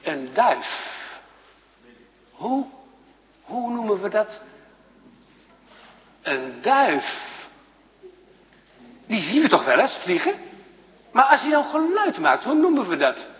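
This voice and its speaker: A man's voice: high voice, very animated, takes it slowly, pauses often. A man leading a children's moment in a church service, playfully asking questions and often laughing. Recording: echoey hall, dull lo-fi sound.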